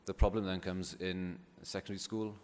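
A man's voice sits low, with a level tone and moderate pace, as he speaks informally and unscripted to an audience as a poet. He comes from Wales, speaks Welsh as his first language, and has a Welsh accent, his delivery hesitant and considered. The hall is echoey, with clear background noise.

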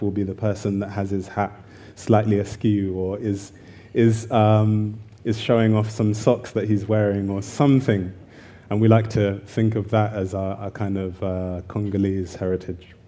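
Zambian-born guy in his 30s, steady monotone, speaks slow and careful. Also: lowish voice. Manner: thoughtful, measured, with fillers. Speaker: poet, festival guest. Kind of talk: interview conversation on stage.

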